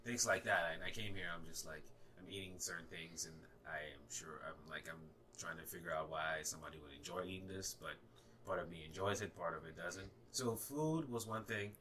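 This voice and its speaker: A young Ghanaian man whose native language is Ga speaks as a guest on a casual podcast, his voice very low yet bright and forceful, with a slight Ghanaian accent. He's hesitant, packing his talk with fillers and restarts, and goes a little fast over slight background noise.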